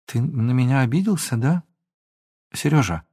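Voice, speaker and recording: A man reading an audiobook, voicing an emotional young woman who pleads and sometimes flares up into shouting. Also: medium pitch, animated, moderate pace, husky, dry recording, clean studio sound. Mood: apologetic. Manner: pleading, then flaring into shouts.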